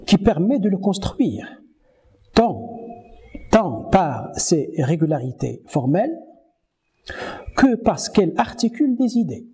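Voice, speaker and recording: Slow, husky-voiced French lecturer. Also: male voice, high-pitched, big pitch swings, warm tone. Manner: slow, measured, reads poems aloud and counts syllables. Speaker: university lecturer. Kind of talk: university lecture on French verse. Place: Morocco.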